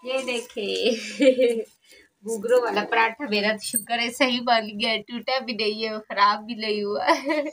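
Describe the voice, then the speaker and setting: A woman's voice: a little high, fairly even intonation, a little slow, fairly bright tone. A young woman from Pakistan chatting casually in a cooking vlog, laughing often, filmed in a rural courtyard on a camera mic. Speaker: vlogger. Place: rural courtyard, outdoors and in a brick kitchen.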